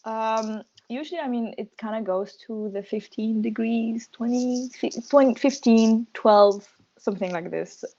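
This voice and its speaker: A young woman from Tunisia, a medical student, chatting casually in an interview, laughing often and pausing with fillers. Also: a little high, warm tone, dull audio, a little hiss or hum.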